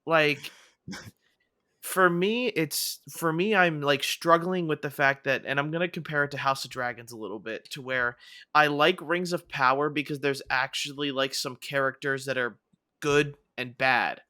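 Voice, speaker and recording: Bright-voiced man in casual podcast chat. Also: on the high side, moderate pace, no echo, studio quality. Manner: rambling, many fillers and restarts. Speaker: podcast co-host.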